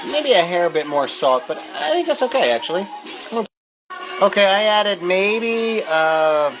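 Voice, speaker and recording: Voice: mid-range voice, big pitch swings, unhurried, low-quality recording. Chatty home cook over music and sizzle. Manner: chatty, casual, mildly profane. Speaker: home cook hosting a cooking video. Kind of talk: casual cooking demonstration. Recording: music and sizzling pan behind. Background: music, frying food sizzle.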